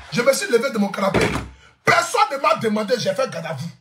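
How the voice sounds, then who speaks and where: A man's voice: high-pitched, very animated, a little fast, reverberant, noisy background. A man telling a story to camera, laughing often and repeating lines for effect. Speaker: social media influencer.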